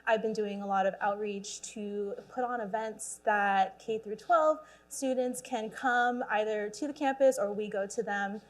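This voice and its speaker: A woman's voice: medium pitch, steady tone, unhurried, few pauses. A young woman, a graduate student, answering interview questions in an enthusiastic, chatty way with frequent laughter.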